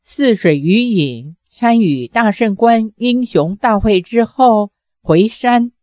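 一位女性朗读者，以从容而富有戏剧感的方式讲述武侠小说。. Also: female voice, a little high, expressive, warm tone, no echo, clean studio sound. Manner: measured, dramatic storytelling. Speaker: narrator. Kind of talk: audiobook narration.

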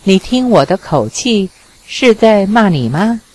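A woman's voice: mid-range voice, very animated, a little slow, a little mellow, rough recording. Woman reading as a teasing young charmer. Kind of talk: audiobook reading.

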